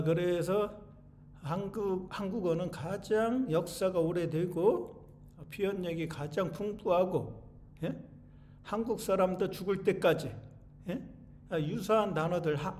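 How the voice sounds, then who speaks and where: A man's voice: sits high, darkish tone, a little hiss or hum. A man giving an informal spoken lecture, asking questions and answering them himself, with frequent "eh?" tags to the listeners. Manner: keeps tossing in rhetorical tags like "eh?" to the audience.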